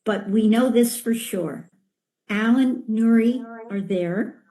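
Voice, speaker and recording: A woman's voice: a little high, takes it slowly, mellow. An older woman organizing a video meeting, speaking in an earnest, impassioned way.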